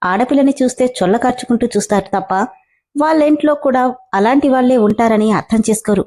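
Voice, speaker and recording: A woman's voice: fast talker, mellow, lightly acted. A woman voicing a bitter young woman muttering scornfully about men in a story reading. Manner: low, scornful musing.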